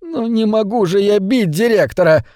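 A man voicing a meek, plump little man who turns defiant, with a shrill voice and a pleading, blustering manner. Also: lively intonation, normal speed, mellow, dry recording, studio quality. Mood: shrill protest.

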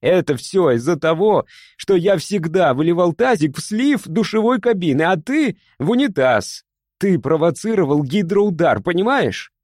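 A man voicing an excitable young man who shouts and rushes his words in a feverish rush. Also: no echo, studio quality. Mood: excited. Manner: shouting, high-strung, rushing.

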